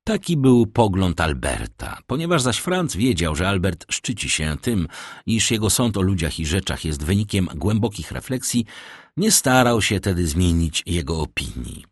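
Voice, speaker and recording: A man narrating an audiobook in an expressive, measured storytelling manner, close to a studio microphone. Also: low-pitched, breathy edge, no echo. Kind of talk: scripted narration.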